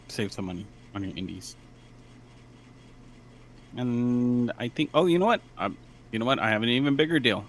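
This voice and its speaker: A lowish male voice reading out game deals on a podcast, loose and full of fillers. A faint background hum sits under his voice. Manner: relaxed, many fillers. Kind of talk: casual podcast banter.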